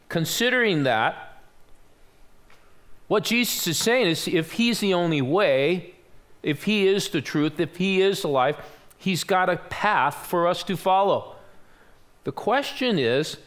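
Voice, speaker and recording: An older male pastor preaching a sermon in a church, his voice sitting a bit high for a man. He tells his story with easy self-deprecating humor and slips into the voices of its characters. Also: a bit bright. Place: church sanctuary.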